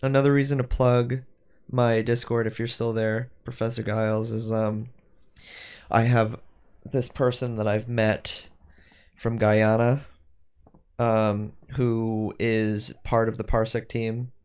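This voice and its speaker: A man's voice: medium pitch, flat delivery, slow, darkish tone, smooth. A man streaming while he does 3D design work, chatting casually and rambling as he thinks aloud and corrects himself. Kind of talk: casual livestream chat while working.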